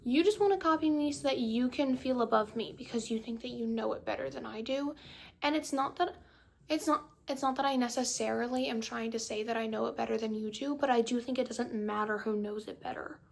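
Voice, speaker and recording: Brisk and gravelly, her voice sits a little high as this young woman vlogs to her phone. She rambles chattily to camera in a put-on valley-girl inflection, frequently interrupting herself, with faint music in the background of the phone recording.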